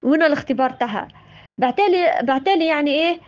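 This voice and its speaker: Tunisian woman giving a religious talk, fast and high, scolds and repeats herself a lot, kinda dull lo-fi sound. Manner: impassioned and scolding, repeats words. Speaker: religious speaker.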